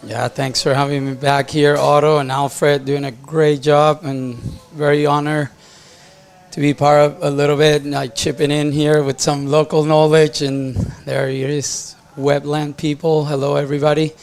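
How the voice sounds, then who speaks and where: Gravelly male surf contest announcer. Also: fairly high pitch, little pitch movement, moderate pace. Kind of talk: casual live commentary.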